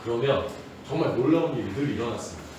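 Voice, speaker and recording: A male pastor giving a Sunday sermon, telling stories in a lively way and sometimes acting out loud, shouted prayers. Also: medium pitch, fast, very echoey, distant mic, noisy background. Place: church sanctuary.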